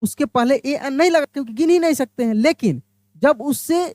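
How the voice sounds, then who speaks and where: A woman's voice: high voice, a little mellow, no room sound, clean studio sound. A woman teaching an exam-prep grammar lesson, explaining step by step and often asking her listeners questions before answering them herself. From India. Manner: drawls English example phrases out slowly.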